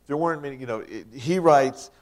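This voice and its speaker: A man preaching a conversational sermon as pastor, relaxed and chatty, often restarting sentences, and growing louder when he stresses a point. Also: medium pitch, fairly quick.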